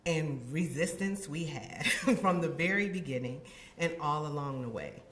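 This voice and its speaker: A woman giving a heartfelt ceremony speech as a university administrator, expressive and acting out her own past thoughts. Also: low voice, a little slow. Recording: echoey room.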